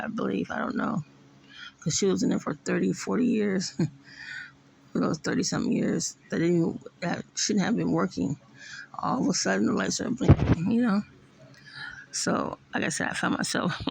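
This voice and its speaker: A middle-aged woman talking in a casual, rambling vlog monologue, swearing now and then and filling pauses with "you know.". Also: lowish voice, vocal fry, slightly rough, low-quality recording. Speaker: vlogger.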